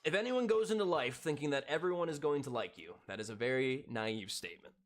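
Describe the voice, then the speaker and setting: A man's voice: medium pitch, lively intonation, quick pace. A man in his thirties chatting casually with viewers during a live game stream, laid-back and profane. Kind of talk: casual live-stream chat while gaming.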